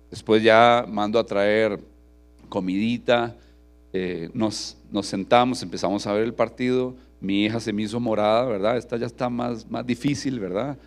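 A middle-aged man with a Costa Rican accent, preaching a sermon. He tells personal stories, tags many phrases with "¿verdad?", and builds to loud, forceful emphasis. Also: fairly low pitch, creaky. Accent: Costa Rican Spanish. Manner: frequent tag question "¿verdad?", storytelling, rising to forceful emphasis. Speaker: pastor.

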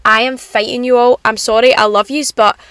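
A young woman chats casually and confidingly as a solo podcast host, in animated girly slang, from inside a parked car in the rain. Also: fairly high pitch, brisk, slight background noise. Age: young adult.

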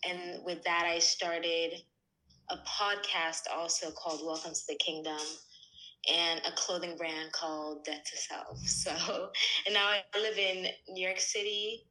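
Twenties woman guest, unhurried and casual, bright tone. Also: on the low side, poor audio. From Ghana. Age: 20s. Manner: relaxed, easygoing, with fillers and laughs. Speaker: podcast guest. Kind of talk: casual interview talk.

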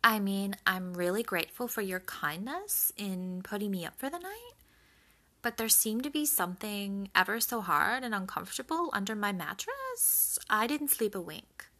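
A woman voicing a polite, delicate young princess in a soft, slow voice. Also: mid-range voice, very animated, full character voice.

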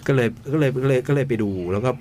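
A man in a relaxed film review chat, rambling as he retells a story and often restarts his sentences. His voice sits at an ordinary middle pitch, and a faint hum runs under it. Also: fast. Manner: rambling retelling with many restarts and repeated words.

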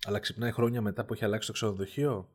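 A man's voice: lowish voice, fairly even intonation, a little mellow, breathy edge. A man co-hosting a casual discussion podcast, thoughtfully musing aloud and chiming in with short agreements. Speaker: podcast co-host.

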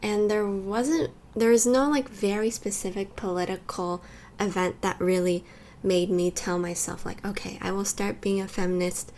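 Raised in California and Taiwan, this young adult woman co-hosts a podcast, chatting loosely and leaning on "like" again and again. Her medium-pitched voice is steady and slightly dark, moving at a moderate pace over a bit of background noise.

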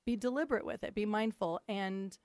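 A woman on a talk show earnestly sharing wellness tips, gentle and full of restarts. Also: mid-range voice, brisk, dry recording, clean studio sound. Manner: earnest, gentle advice-giving with many restarts. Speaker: guest wellness coach. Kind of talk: casual talk show chat.

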